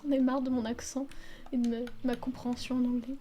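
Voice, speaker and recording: A woman's voice: sits high, level tone, a little fast, dark tone, slight background noise. A young woman giving casual, chatty commentary while playing a video game, exclaiming often and swearing freely. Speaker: video game let's player. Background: faint game music.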